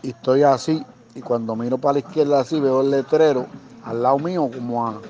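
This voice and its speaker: A man's voice: mid-range voice, brisk. A man with a Puerto Rican accent telling true stories from his days as a security guard in a casual, slangy way, acting out the people he quotes. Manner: animated, acts out quoted voices, slangy. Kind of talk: casual storytelling. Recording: dull lo-fi recording with faint noise.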